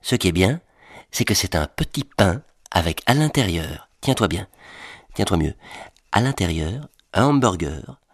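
A deep, lively man teases his young listeners with playful, deadpan asides. His pitch bounces a great deal, and the recording is close and dry. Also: no echo. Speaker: comic presenter. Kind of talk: comic explainer to children.

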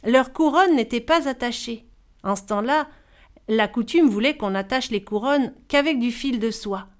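Woman storyteller, fairy-tale reading. Smooth, resonant, somewhat high, expressive. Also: normal speed.

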